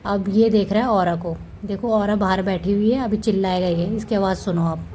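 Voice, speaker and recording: A woman's voice: mid-range voice, steady tone, brisk, dark tone. A woman giving a casual, chatty voice-over about her pet cats, fond and explaining as she goes. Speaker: cat vlogger.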